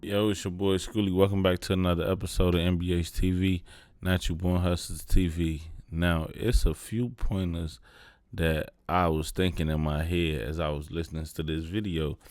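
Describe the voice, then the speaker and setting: Deep-voiced man hosting a commentary show. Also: little pitch movement, normal speed, a little mellow, dry recording, clean studio sound. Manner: laid-back, conversational, addresses viewers directly. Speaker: host. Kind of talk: casual commentary on a clip.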